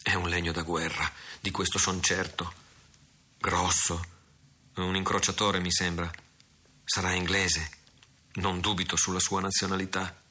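A man's voice: low voice, level tone, a little slow, pauses often, bright, forceful tone, breathy edge, heavily acted. A man reading the part of a fierce adult pirate captain in an audiobook story, speaking in terse commands. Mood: tense.

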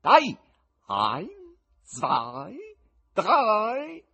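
Sneering high-tenor trickster, bleating goat voice, husky edge, storybook. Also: male voice, sing-song, unhurried, a bit bright, exaggerated voice. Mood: mocking. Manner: mocking, bullying. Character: mocking high-voiced male magician's assistant.

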